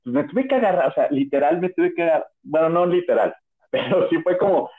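A man's voice: a little high, animated, brisk, husky. A man with a Mexican accent telling personal stories on a podcast in a casual, rambling way, with many restarts and fillers. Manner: chatty, rambling, full of "o sea" and restarts. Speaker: podcast host. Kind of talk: casual storytelling. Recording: narrow phone-like audio.

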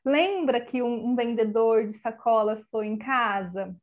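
Brazilian woman podcast co-host, fairly high voice, chatty and repetitive. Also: a little slow. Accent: Brazilian Portuguese. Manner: chatty, many fillers and repeats. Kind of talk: casual podcast chat.

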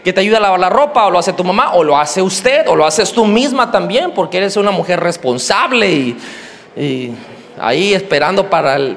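A high-pitched man with a Mexican Spanish accent delivers a lively, jokey sermon. He slips into shrill, squealing character voices to act out his examples. His voice rings with the long reverb of a large church hall. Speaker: preacher.

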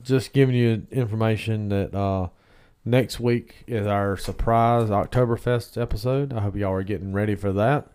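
Guy, kinda low smoker's rasp, just chatting on a podcast about stuff. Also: fairly even intonation, moderate pace, few pauses, darkish tone. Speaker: podcast co-host. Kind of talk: casual beer-review banter.

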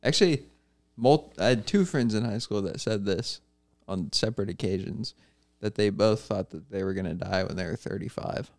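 A man's voice: fairly low pitch, normal speed, few pauses. A man, chatting casually on a podcast and laughing often. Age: 20s. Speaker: podcast co-host. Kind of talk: casual chat.

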